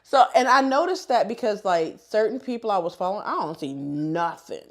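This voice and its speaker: A woman hosting a livestream in casual chat, an animated storyteller who laughs a lot. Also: mid-range voice, moderate pace. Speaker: livestream host.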